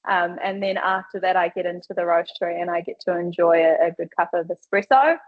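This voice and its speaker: A woman's voice: fairly low pitch, brisk. A woman with a New Zealand accent, introducing herself on a webinar panel in an upbeat, chatty, casual way. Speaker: customer experience and field sales manager. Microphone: video call. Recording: dull lo-fi video call audio.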